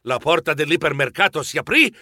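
A man narrating a children's audiobook in first person, animated and a little jittery. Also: a little high, a little fast, no echo, clean studio sound.

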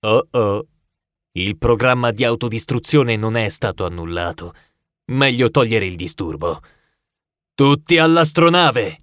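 A man voicing a terse, gruff male secret-agent mouse in an audiobook. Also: on the low side, moderate pace, fairly bright tone, dry recording, voice pushed down, lightly acted. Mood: urgent. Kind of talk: audiobook character voice.

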